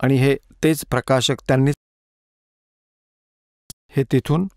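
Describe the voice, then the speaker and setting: A man giving a sermon, reading scripture verse by verse and repeating key words slowly to explain them. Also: medium pitch, fairly even intonation, a little mellow, no room sound, clean studio sound. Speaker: preacher giving a dubbed sermon.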